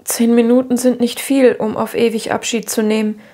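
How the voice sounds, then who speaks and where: A dreamy, dramatic orphan girl, put on by a woman reading aloud pours out grand, theatrical phrases in a higher voice. She sounds like a storybook heroine with a big imagination. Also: flat delivery, normal speed, mellow, natural voice. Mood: tearful, yearning.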